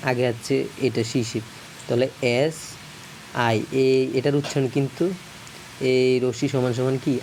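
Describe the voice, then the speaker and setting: A man giving a casual video lesson, talking haltingly, correcting himself often and checking for understanding. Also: medium pitch, steady tone, darkish tone, slight background noise. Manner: halting, frequent self-corrections and apologies. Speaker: teacher.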